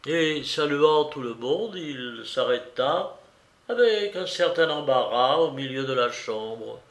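A man narrating an audiobook in a measured, even storytelling manner. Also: mid-range voice. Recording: roomy echo.

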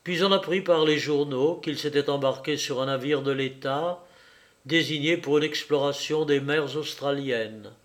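A man narrating a novel aloud in an audiobook style, with slow, measured reading. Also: fairly high pitch.

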